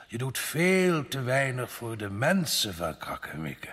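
An older actor playing an old king and doubtful, reproving father in a children's audio drama, halting and grave. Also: mid-range voice, fairly bright tone, big-room sound.

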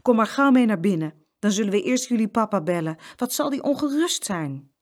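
A woman's voice: medium pitch, expressive, fairly quick, pitched above the performer's own voice, natural voice. A woman voicing a kindly uncle in a storybook, exclaiming in a fatherly way. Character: kindly uncle, fussing and warm-hearted.

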